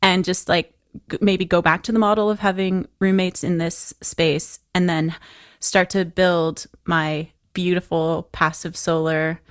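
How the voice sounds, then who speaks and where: A woman's voice: lowish voice, little pitch movement, measured pace, no echo, studio quality. A woman chatting candidly as a podcast guest, laughing often. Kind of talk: casual podcast chat.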